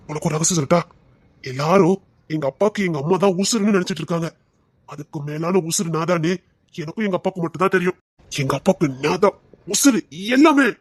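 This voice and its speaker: Guy doing a soft-spoken devoted young lover, husky voice, calm and insistent. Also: sits high, no room sound. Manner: tender, soothing, insistent. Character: devoted young man, protective and reassuring. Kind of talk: romantic drama acting.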